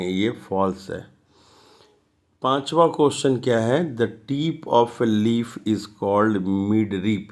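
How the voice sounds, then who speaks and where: Slow-talking Bihari man teaching science. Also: on the low side, a little mellow. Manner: slow, repetitive explaining, mixes Hindi with read-out English. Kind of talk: classroom lesson explaining answers.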